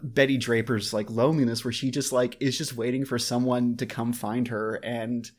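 A man talks in a loose, rambling way, circling back on his words with plenty of fillers and restarts. His pitch sits in an ordinary middle range for a man. It sounds like relaxed casual podcast chat. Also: normal speed. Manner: rambling, with many restarts and laughs. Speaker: podcast co-host.

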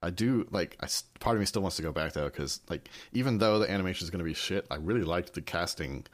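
A man's voice: sits low, expressive, fast. A man co-hosting an anime podcast, rambling with restarts and dry sarcasm. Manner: rambling, self-interrupting, sardonic. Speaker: podcast co-host. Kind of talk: casual podcast chat.

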